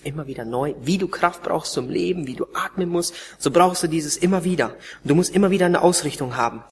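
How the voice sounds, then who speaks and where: A man preaching a sermon and telling his own story, emotional, swinging between raised pleading and hushed, almost whispered passages. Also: a little high, fast, creaky, slight background noise. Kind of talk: sermon testimony.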